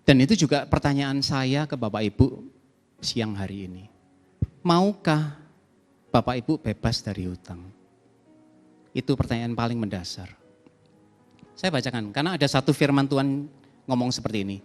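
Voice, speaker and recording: In a large church hall with long reverb, a man preaches a sermon to his congregation, addressing them directly. His mid-range voice is animated and at normal speed, with frequent pauses over soft background music.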